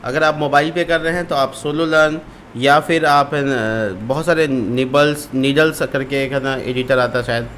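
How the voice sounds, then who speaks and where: A man's voice: medium pitch, fairly even intonation, moderate pace, a bit bright, a little hiss or hum. A man teaching a screen-recorded programming lesson, explaining step by step with repeated terms and frequent fillers. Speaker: coding tutor.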